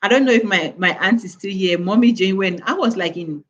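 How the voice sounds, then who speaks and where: A woman's voice: mid-range voice, brisk, a bit bright, slight background noise. A woman from West Africa giving an earnest motivational talk to mothers on a live stream, full of rhetorical questions. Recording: dull, lo-fi sound.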